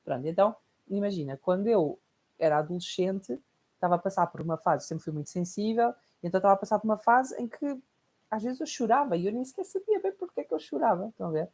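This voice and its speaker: A woman's voice: medium pitch, animated, fast, a little mellow, breathy edge. A woman with a European Portuguese accent teaching a recorded online lesson in a reflective, explanatory way, often checking in with tag questions. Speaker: course teacher.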